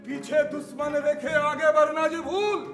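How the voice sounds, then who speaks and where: A man acting a proud, excitable Mughal khan in a historical stage play, declaiming and exclaiming. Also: very high-pitched, normal speed. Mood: scornful, forceful. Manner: declamatory, exclaiming, mixing Hindi-Urdu into Bengali. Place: theatre stage. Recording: echoey stage hall, faint music.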